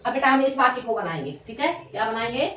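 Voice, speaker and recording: A woman teacher giving a slow, repetitive classroom lesson, dictating sentences and calling her students "beta". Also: a little high, lively intonation, fairly bright tone. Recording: echoey room, voice from far off.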